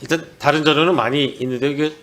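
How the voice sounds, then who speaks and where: A man's voice: a little high, steady tone, fast, fairly bright tone. A man giving formal, careful and deferential answers as an official at a parliamentary hearing. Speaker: broadcaster chief nominee answering lawmakers.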